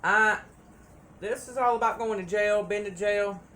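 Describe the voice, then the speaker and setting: A woman's voice: mid-range voice, fairly even intonation, a little slow, fairly bright tone, a little hiss or hum. A woman giving a casual tarot reading, chatty and repeating phrases for emphasis. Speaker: tarot reader.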